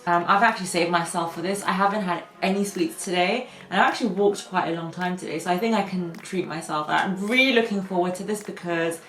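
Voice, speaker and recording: A young woman chatting on her sister's snack-tasting vlog, relaxed and quick to laugh, trailing off softly. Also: on the low side. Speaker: co-host, sister. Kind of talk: casual snack-tasting chat. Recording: roomy room, faint background music.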